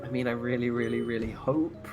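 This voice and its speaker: Female co-commentator, very low pitch, casual and drily joking, clear game music in the background. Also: fairly even intonation, brisk. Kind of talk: casual chat.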